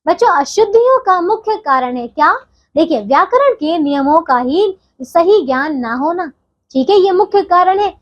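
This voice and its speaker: High-pitched woman teaching young children. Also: lively intonation, normal speed, dull audio. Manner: patient, explaining step by step, often asking "is it?". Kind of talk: classroom lesson for young children.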